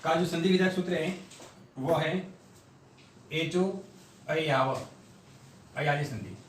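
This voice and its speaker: A high-voiced man, off-mic in an echoey room with a little hiss or hum, leads a grammar lesson at a board. He explains slowly in steps and pronounces syllables individually.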